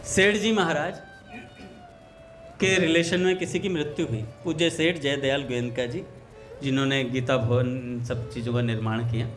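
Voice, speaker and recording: A man giving a devotional talk, telling anecdotes and acting out the dialogue in a relaxed conversational way. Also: sits high. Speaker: satsang speaker.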